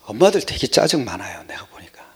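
An older man preaching a sermon in a conversational, rambling way, jumping from loud exclamations to hushed whispered asides. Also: medium pitch, big pitch swings, fairly quick, breathy edge.

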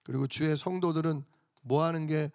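High-voiced male pastor preaching, dry sound. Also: steady tone, normal speed, a little mellow, dry recording. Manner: asks the congregation questions and answers them himself; storytelling, emphatic. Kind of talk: sermon.

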